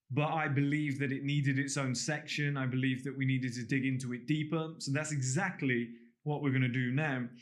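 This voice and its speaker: A man teaching body language in a casual spoken lesson, blunt and swearing freely, acting out little everyday scenes. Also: mid-range voice.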